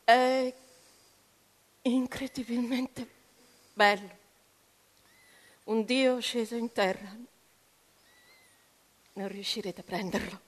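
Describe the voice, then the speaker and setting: A woman reading as a hoarse, weary farm parent. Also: on the high side, steady tone, slow, pauses often, long reverb tail. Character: hoarse, worn-out farm parent of a strange boy.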